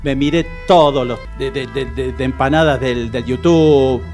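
In a comic radio drama, an actor plays a proud, fussy older man from the neighborhood who cooks, speaking with an Argentine Rioplatense accent in a hesitant, repetitive, self-important way. He sounds boastful, with a mid-range, slightly mellow, everyday-sounding voice at a moderate pace over soft background music.

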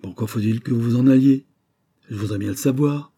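A man's voice: medium pitch, brisk, warm tone, breathy edge. A man voicing a jealous, bullying middle-aged rich husband who talks in a resentful, blustering and insistent way. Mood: angry resentment.

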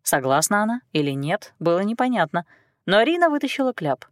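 A woman narrating a novel in the first person with animated storytelling. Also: mid-range voice, brisk, dry recording, clean studio sound. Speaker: audiobook narrator.

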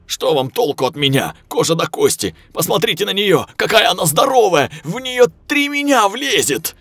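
A man voicing a cowardly, whining chained man who pleads in a shrill, squealing way. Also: very animated, normal speed, fairly bright tone, husky, no room sound, heavily acted. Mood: pleading.

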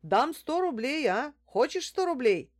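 A woman reading an audiobook, voicing an excitable, pushy male street hustler who shouts and haggles. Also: mid-range voice, unhurried, close to an everyday voice. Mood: haggling.

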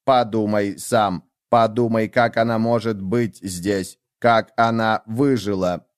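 A man voicing a frantic young man who shouts urgent warnings, in a read-aloud story. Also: on the low side, steady tone, slow pace, clear, resonant tone, no echo, clean studio sound. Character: frantic male youth warning through a gadget.

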